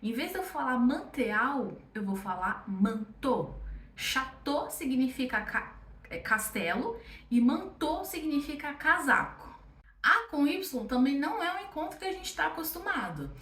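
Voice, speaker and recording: A woman's voice: high voice, sing-song, normal speed, a bit bright, recorded from a distance. A young Brazilian woman with a Brazilian Portuguese accent, teaching an online French lesson in a chatty, encouraging way and checking in with "ok?" often. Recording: echoey room, voice off-mic.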